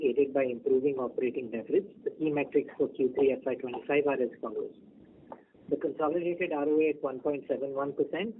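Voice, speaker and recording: A man, a bank executive reading prepared earnings remarks over a conference call, measured and steady through lists of figures. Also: mid-range voice. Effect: conference call over a phone line. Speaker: bank executive presenting results. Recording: tinny phone line with faint noise.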